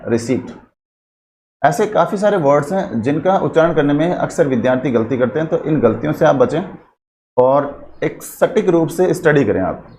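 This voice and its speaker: A man teaching an English grammar class in Hindi. He mixes in English terms, spells out words slowly as he writes, and keeps asking the class questions that he answers himself. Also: a little high, a little mellow, a little hiss or hum.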